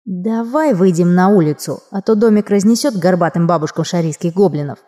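A woman's voice: on the low side, brisk, dark tone, lightly acted. A woman voicing a cheeky, sardonic male arctic fox familiar in an audiobook, with a snide, mocking manner. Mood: urgent.

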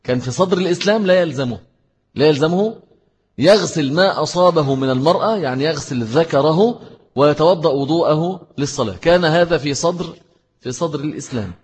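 A man's voice: on the high side, a little fast, breathy edge, big-room sound. A man with an Egyptian accent teaching a religious lesson, explaining step by step and repeating key phrases. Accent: Egyptian Arabic. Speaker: Islamic teacher. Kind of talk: religious lesson with answers to questions.

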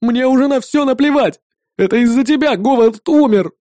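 A man voicing a hysterical, desperate young male employee in an audiobook, with loud, ranting, sobbing outbursts. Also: very high voice, moderate pace, dry recording, studio quality, voice pushed up.

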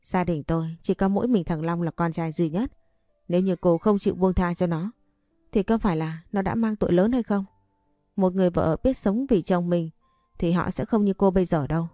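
Storybook figure: a harsh mother-in-law, low and dry-voiced, done by a woman narrator. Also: brisk, dark tone, dry recording, soft background music, close to an everyday voice. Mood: pleading. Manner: harsh, scolding, demanding. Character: stern scornful older mother-in-law.

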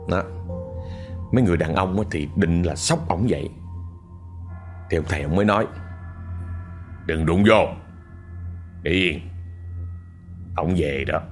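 A man's voice: on the low side, darkish tone. A man telling a ghost story in a vivid, conversational way, often repeating words for effect.

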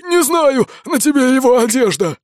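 A man's voice: extremely high pitch, lively intonation, moderate pace, no echo, clean studio sound, pitched above the performer's own voice. A man voicing a wounded male bandit, shrieking and gabbling in panic in an audiobook. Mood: panicked.

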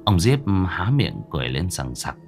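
A man narrating a horror story in a dramatic, suspenseful manner, slowing down for tense moments. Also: low voice, sing-song. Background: soft background music.

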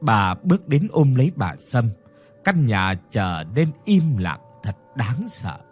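A man narrating a ghost story in a slow, expressive storytelling manner. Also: mid-range voice, slightly rough, soft background music.

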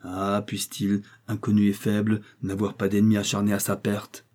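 A man's voice: fairly low pitch, completely flat delivery, normal speed, darkish tone, close to an everyday voice. A man voicing a middle-aged aristocratic father who pleads emotionally, in a raised voice. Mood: wistful.

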